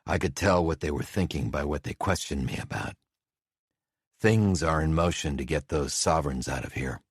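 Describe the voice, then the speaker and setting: A man voicing a gruff, reclusive male falconer who speaks bluntly and low in an audiobook. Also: normal speed, dry recording, clean studio sound, full character voice. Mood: wary.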